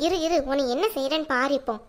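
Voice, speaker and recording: A woman voicing a scheming middle-aged mother-in-law in a cartoon, sharp-tongued and prone to dramatic wailing. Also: high voice, fast, close to an everyday voice. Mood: scolding. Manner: scolding, then wailing dramatically. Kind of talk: cartoon dubbing.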